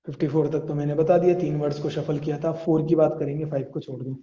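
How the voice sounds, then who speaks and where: In an online class, a male teacher with an Indian accent mixes Hindi with English and presses his students to answer quickly. His voice is on the high side, steady and dark in tone, and the recording has a dull, echoey room sound.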